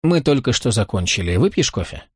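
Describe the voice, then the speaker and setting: A male narrator lends his voice to a warm, talkative young mother in a storybook reading. She chats on with a gently worried tone, pitched a touch above the reader's own voice. The recording is dry and close. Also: big pitch swings, fairly quick, husky, no room sound. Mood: chatty. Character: kind warm mother, woman in her thirties.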